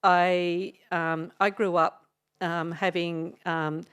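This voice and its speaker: A woman's voice: fairly low pitch, little pitch movement, takes it slowly, fairly bright tone, clean tone. A middle-aged Australian woman, a DJ and radio host, telling a story in a casual podcast interview, rambling with frequent hesitations and laughs.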